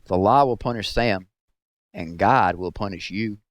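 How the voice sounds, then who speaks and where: A drunk small-town lawman from a storybook, acted out by a male reader, leering and smug. He drawls slowly and taunts with menacing ease, in a close, dry sound. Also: on the low side, no echo, close to an everyday voice.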